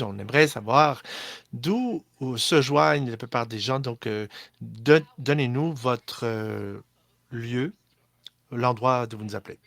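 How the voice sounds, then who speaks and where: A man's voice: mid-range voice, creaky, fairly bright tone, no room sound. A man hosting a live online class, upbeat and welcoming, with hesitant restarts. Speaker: host.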